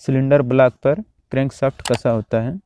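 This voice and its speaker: A man teaching, reading out quiz questions and their options one by one, then repeating each answer in a steady drill. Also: mid-range voice, brisk, background noise. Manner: steady, repetitive exam-drill delivery.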